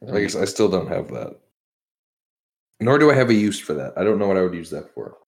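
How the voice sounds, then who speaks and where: A man co-hosting a casual podcast, playful and quick to laugh, asking teasing questions. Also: low voice, big pitch swings, a little mellow. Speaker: podcast co-host. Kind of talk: casual chat.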